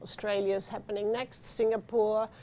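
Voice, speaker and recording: A middle-aged Dutch woman with a Dutch accent speaking on a conference panel, animated, with many fillers and restarts. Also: medium pitch, normal speed. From Netherlands. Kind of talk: panel discussion talk. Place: conference venue.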